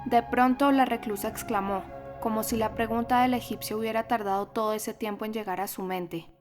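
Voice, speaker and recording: A woman's voice: on the high side, a little fast, over music. Latin American woman narrating audiobook. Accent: Latin American Spanish. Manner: dramatic, expressive reading.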